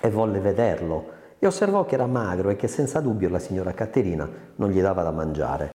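A man's voice: low voice, fairly quick. Man reading a novel in an echoey room. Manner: lively, expressive reading with many character voices. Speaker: narrator.

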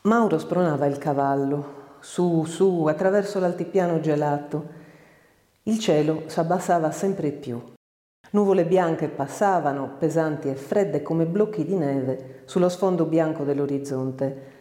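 A woman giving a measured, expressive literary reading of a short story, recorded with a roomy echo. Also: deep voice. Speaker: audiobook narrator. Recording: roomy reverberant room.

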